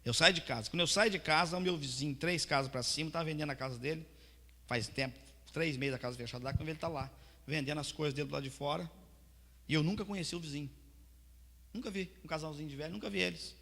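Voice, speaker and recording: A male pastor preaches a testimony sermon, his voice gravelly and bright. He swings from hushed storytelling to loud, fervent preaching. The church hall rings with long reverb. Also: fairly high pitch, fast.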